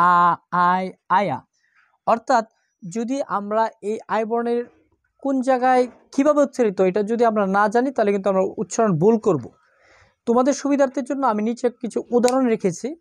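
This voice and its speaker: A woman's voice: on the high side, a little mellow, no echo. Dry-voiced woman teaching pronunciation. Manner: asks questions and then answers them herself, spells words letter by letter. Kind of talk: spoken language lesson.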